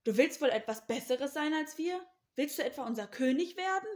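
A woman voicing a group of jealous older brothers, loud and scornful as they scold. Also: fairly high pitch, normal speed, echoey room, close to an everyday voice.

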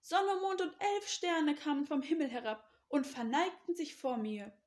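A woman voicing a boastful young man eagerly telling his dreams, with high, emphatic exclaiming. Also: animated, measured pace.

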